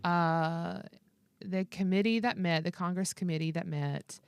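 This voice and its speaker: A woman's voice: fairly low pitch, steady tone, unhurried, clean tone, no room sound. A woman co-hosting a podcast, talking in a casual, conversational way. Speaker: podcast co-host. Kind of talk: casual chat.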